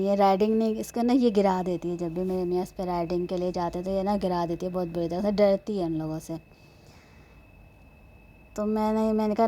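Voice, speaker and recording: A woman's voice: mid-range voice, mellow. A woman vlogging in a casual, rambling way, stopping now and then to say prayers and blessings. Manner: chatty, rambling, says prayers and blessings as she goes. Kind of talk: casual chat. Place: at home and at a horse stable, partly outdoors.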